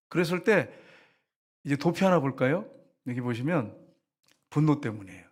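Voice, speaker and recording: Give me an animated male pastor preaching, lively and high-pitched. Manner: animated, acts out quoted lines, addresses congregation directly. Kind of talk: sermon. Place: church sanctuary.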